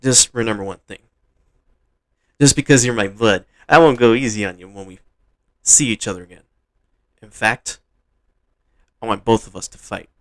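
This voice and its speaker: A man's voice: fairly low pitch, moderate pace, pauses often, fairly bright tone, no room sound, natural voice. A man playing an earnest, competitive young male trainer in a fan-told story, speaking in a sincere, sometimes hesitant way.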